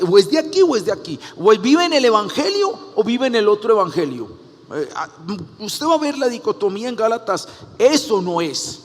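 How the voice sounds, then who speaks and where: An older man, a pastor, preaching a sermon in an animated way and acting out the voices he quotes. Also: high voice, big-room sound.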